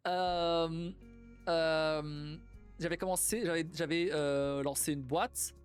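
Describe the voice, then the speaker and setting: Young man, slightly high voice, casual stream chat, rambling, swears a lot, soft music behind. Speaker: streamer and game developer.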